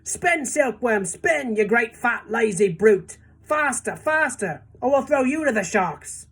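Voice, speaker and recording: A woman voicing a bossy male centipede who frantically yells orders. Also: on the high side, lively intonation, takes it slowly, husky, voice pushed up, full character voice. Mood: frantic bossy.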